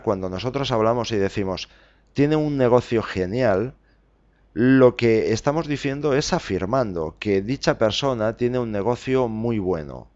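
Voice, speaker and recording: A man hosting a podcast lesson, slowly spelling out letters and examples with frequent fillers. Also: mid-range voice, darkish tone, muffled recording. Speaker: Spanish teacher podcast host.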